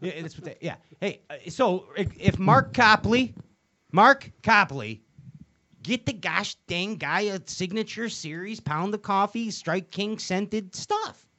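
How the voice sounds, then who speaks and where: A man's voice: high-pitched, a little slow, fairly bright tone. A man hosting a casual fishing chat, joking and rambling with lots of fillers and restarts. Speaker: host. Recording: dull lo-fi sound.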